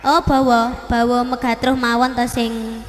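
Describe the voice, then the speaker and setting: A woman's voice: a little high, flat delivery, unhurried. A woman singer chatting playfully and politely on stage, laughing often. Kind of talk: casual banter on stage. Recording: long reverb with music behind.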